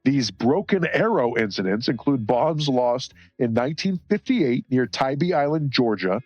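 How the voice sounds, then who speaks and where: A man's voice: mid-range voice, expressive, normal speed, a little mellow, no echo. A man streaming while he colors, chatting casually, rambling and swearing, often laughing and reading chat aloud. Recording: slightly dull sound, faint music behind.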